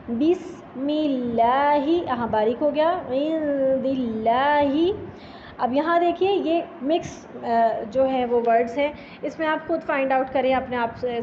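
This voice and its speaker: A woman's voice: sits high, dull audio, slight background noise. A woman teaching Quran recitation, spelling out Arabic letters and vowel marks syllable by syllable and drawing the sounds out for her students. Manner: slow, drawn-out syllable-by-syllable drilling.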